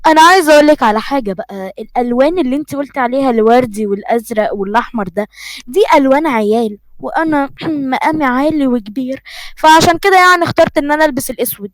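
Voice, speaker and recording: A woman's voice: sits high, rapid-fire, no room sound, natural voice. A woman voicing a fiery young bride-to-be with an Egyptian accent, snapping and scolding in a flustered way. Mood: haughty. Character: fiery young bride-to-be, shy but proud.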